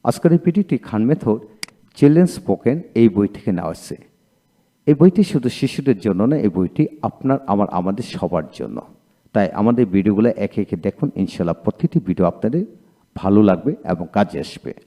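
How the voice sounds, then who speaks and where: A man's voice: fairly low pitch, lively intonation, brisk, warm tone. A man with a Bangladeshi Bengali accent giving a spoken English lesson, saying each word twice and spelling it out letter by letter. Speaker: English teacher.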